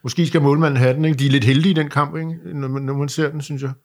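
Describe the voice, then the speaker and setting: A man's voice: on the high side, steady tone, darkish tone. A man in casual podcast conversation, circling hesitantly around his phrasing.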